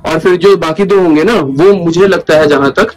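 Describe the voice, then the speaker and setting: A man in his thirties vlogging casually with his family, playful and excitable, filmed on a phone. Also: fairly high pitch, moderate pace, low-quality recording. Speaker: vlogger, son.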